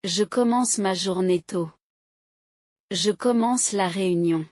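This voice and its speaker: A language teacher reads short example sentences aloud one by one, very slowly and deliberately, with steady, careful articulation. Her voice is medium-pitched. She is miked close and dry, with no room sound at all.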